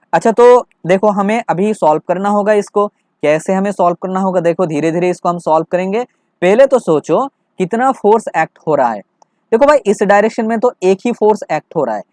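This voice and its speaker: Solving a physics problem for his students, this male teacher speaks Hindi sprinkled with English terms, repeats his checks and poses rhetorical questions. He sounds high-pitched and a little mellow in a dry recording.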